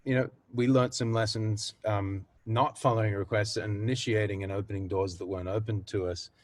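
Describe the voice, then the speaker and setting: An Australian man, a singer and voice coach, talking earnestly and reflectively as a guest in a casual interview, often pausing and restarting his thoughts. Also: on the low side, steady tone, no echo.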